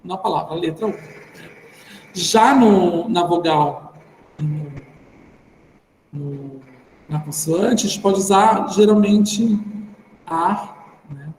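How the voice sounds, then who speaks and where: A man's voice: sits high, slow pace, pauses often, a little mellow. A man with a Brazilian Portuguese accent, teaching an online class in an informal, thinking-aloud way, tagging his sentences with "né". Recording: roomy reverberant sound with faint background noise.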